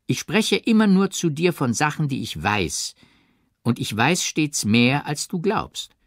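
A man playing a jealous, pressing gentleman. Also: a little high, very animated, measured pace, no room sound, studio quality, pitched above the performer's own voice, heavily acted. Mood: persuasive. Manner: pressing, falsely gentle persuasion. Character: jealous, insistent gentleman lover.

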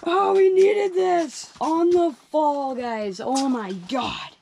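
A young man talks casually through an ice fishing trip, then erupts into shouts and laughter when a fish lands. An overhead camera picks him up inside a small tent. Steady background noise and reel clicks sit behind his voice. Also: extremely high pitch, slow, creaky, rough recording. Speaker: fishing channel host. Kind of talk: casual vlog chat while ice fishing.

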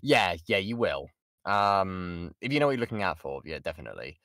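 On an online call, a British man teaches an informal voice-acting lesson and answers audience questions. He sits low in pitch with big swings, talks a little fast in a slightly bright tone, and is close-miked with no echo. Chatty and full of jokes, he keeps interrupting himself.

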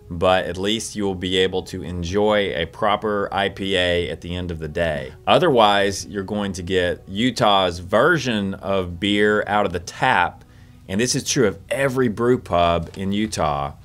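A middle-aged man with a notably low voice talks through travel advice with a wry, understated humor. His commentary is relaxed and conversational. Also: measured pace, soft background music. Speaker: travel vlog co-host. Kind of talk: scripted commentary with co-host.

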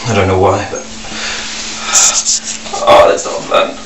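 A man's voice: sits low, completely flat delivery, slow. Guy in his 30s shivering in an ice cold bath, chatting casually, echoey and pretty noisy. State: shivering with cold while sitting in ice cold water. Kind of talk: casual chat with the camera operator. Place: small bathroom, sitting in a bathtub. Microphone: handheld camera a short distance away. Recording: echoey noisy bathroom, distant camera mic.

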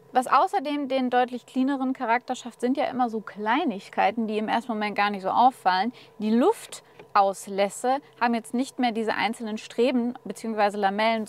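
Upbeat woman reviewing a car interior. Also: fairly high pitch. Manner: chatty, upbeat, addresses viewers directly. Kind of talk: casual car walkthrough. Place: inside a car.

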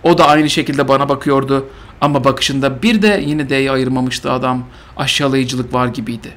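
A man's voice: mid-range voice, steady tone, moderate pace, fairly bright tone. A man reading a story aloud and mocking it, sarcastic and mock-solemn, repeating lines for comedy. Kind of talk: mocking dramatic reading with game chatter.

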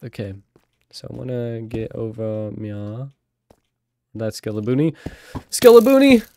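A young man running a gaming channel, his voice stuffy and nasal from a cold, keeps up rambling, casual commentary on his gameplay punctuated by sudden excited outbursts. He's unhurried and mid-range, and the recording is dry.

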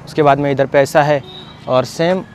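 A man's voice: a little high, steady tone, normal speed. A young man narrating a travel vlog while riding on a motorbike, chatting with viewers and a friend. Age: young adult. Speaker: vlogger. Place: outdoors on a moving motorbike on a road. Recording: outdoor road noise.

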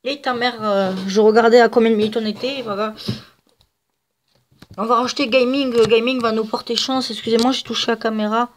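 Speaking a little fast with a steady tone and a slightly high voice, a female gaming creator gives casual, rambling gameplay commentary packed with fillers. Her cold makes her sound stuffy and nasal, and there's a little hiss or hum in the recording.

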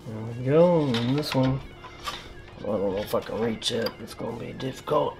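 A man talks his way through a computer repair, rambling and poking fun at himself as he works. His voice has a gravelly edge at a middle pitch. Faint guitar music plays quietly behind him. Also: moderate pace. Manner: rambling, self-deprecating, talks to himself while working. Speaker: PC hobbyist vlogger. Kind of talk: casual narration while working on a PC.

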